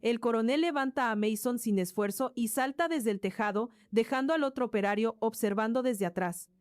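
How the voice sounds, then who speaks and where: A woman's voice: fairly high pitch, a little fast, darkish tone, no room sound, clean studio sound. A woman narrating a story in a scripted way, voicing sound effects like crashes and thuds along the way.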